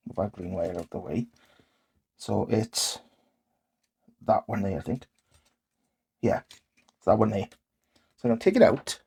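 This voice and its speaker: In a warm, husky, gravelly voice pitched lowish, a DIY repair channel host talks himself through hands-on work in short, tentative bits of casual commentary. He speaks a little slowly and leaves long pauses.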